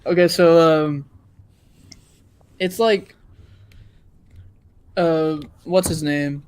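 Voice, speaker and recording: A man's voice: fairly high pitch, steady tone, very slow, darkish tone, clear, resonant tone, no echo. A man chatting casually as a podcast co-host, speaking in slangy, hesitant phrases peppered with "dude". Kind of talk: casual chat.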